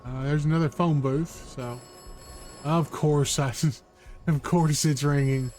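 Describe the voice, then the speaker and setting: A man with a slightly high voice gives casual, wry commentary as he plays. He thinks aloud and reads in-game notes. Faint game ambience sits behind him. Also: fairly even intonation, slow pace, darkish tone, slight background noise. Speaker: gaming streamer. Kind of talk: casual let's-play commentary.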